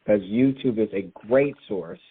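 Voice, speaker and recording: Low-voiced man on a tinny phone line. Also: a little slow, a little hiss or hum. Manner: emphatic, answers his own rhetorical questions. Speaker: guest speaker explaining crypto. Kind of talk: explanatory call talk. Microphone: phone call.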